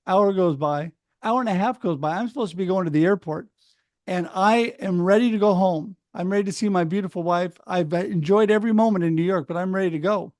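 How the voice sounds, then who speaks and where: A middle-aged man from Oregon talks casually on a video call, telling his story with animated energy and acting out other people's words. His voice sits fairly high. The sound is dry and close, with no room echo. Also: a little fast. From Oregon, United States. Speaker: speaker sharing his story.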